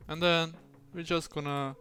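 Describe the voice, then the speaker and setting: A man livestreaming his design work in a fake British accent, rambling playfully to himself and his software. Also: a little high, little pitch movement, unhurried, clean tone, faint music behind. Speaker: streamer. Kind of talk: livestream self-talk while doing design work.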